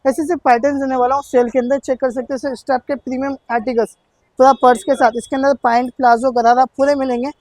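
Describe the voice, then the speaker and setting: Male shop presenter, notably high-pitched, dry sound; eager, insistent, repetitive teleshopping sales pitch. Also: level tone, fast, darkish tone, dry recording. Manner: insistent, repetitive, hard-selling. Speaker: shop seller presenting sale offers.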